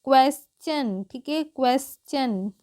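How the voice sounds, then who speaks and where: A high-pitched woman with a Hindi accent gives a beginner's phonics lesson. She speaks slowly, spelling out each word one letter at a time. Then she poses a question and answers it herself. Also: dark tone. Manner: spells words letter by letter, asks and answers her own questions. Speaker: English teacher.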